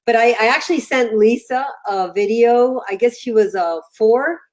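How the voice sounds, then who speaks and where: A woman's voice: fairly high pitch, moderate pace. An older woman, a company founder, chatting as an interview guest over a video call and acting out the voices in her anecdotes. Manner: animated storyteller, acts out voices in anecdotes. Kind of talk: casual interview chat.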